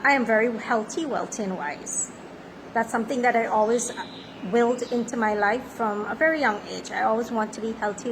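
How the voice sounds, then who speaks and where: Confident woman life coach, high voice. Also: noisy background. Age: 30s. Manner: confident, self-affirming. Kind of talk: motivational monologue.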